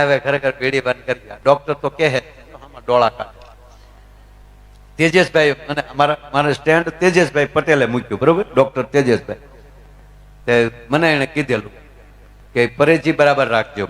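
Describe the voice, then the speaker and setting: A man's voice: a little high, moderate pace, fairly bright tone. A middle-aged man with a Gujarati accent, a folk comedian telling chatty anecdotes live on stage and talking to the crowd. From Gujarat, India.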